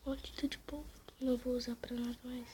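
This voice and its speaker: A woman's voice: on the high side, flat delivery, quick pace, heavy background noise. Whispering Brazilian woman. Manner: whispering throughout, hushed and casual. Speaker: gaming channel host. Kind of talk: whispered gameplay commentary. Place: home at night, family asleep nearby.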